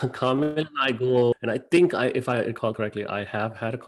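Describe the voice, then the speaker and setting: A man's voice: medium pitch, fairly quick. A man in his thirties who grew up in Dubai, a podcast guest talking casually and rambling with frequent fillers. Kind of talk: podcast interview.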